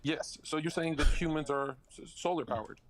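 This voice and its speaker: A man's voice: on the high side, moderate pace, low-quality recording. A man in a casual online debate who provokes and jokes, often breaking in with questions. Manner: provocative, joking, interrupts with hold on. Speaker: stream guest.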